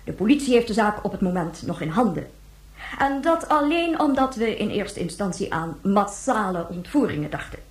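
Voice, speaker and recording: An actress plays a grave, controlled government spokeswoman facing a press interview in a radio drama, speaking formally with measured emphasis. Her voice is mid-range and darkish, and the recording is roomy and echoing.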